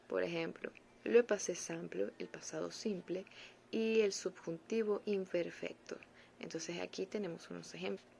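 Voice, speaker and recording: A woman giving a casual online French lesson, explaining slowly and patiently with playful asides. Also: lowish voice, vocal fry, a little mellow, slight background noise. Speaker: French teacher.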